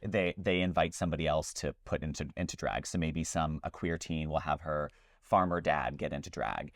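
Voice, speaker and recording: A man's voice: rumbling low, moderate pace, dry recording, clean studio sound. A man hosting a podcast, talking casually and gushing with enthusiasm about a show he loves. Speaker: podcast host.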